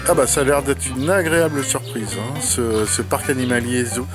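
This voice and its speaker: A man's voice: mid-range voice, fairly even intonation, normal speed, over music. A middle-aged man filming a family vlog outdoors at a zoo, chatting cheerfully to the animals and the camera. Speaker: family vlogger. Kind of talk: casual vlog commentary.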